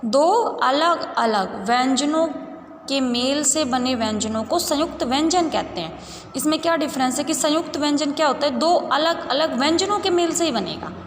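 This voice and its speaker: Young woman teacher, high gravelly voice, asks the kids stuff then answers it herself, roomy echo. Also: expressive, fairly quick. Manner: patient, asks and answers her own questions, calls pupils "beta". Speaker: school teacher. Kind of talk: Hindi grammar lesson for young children. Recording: roomy echo with faint background noise.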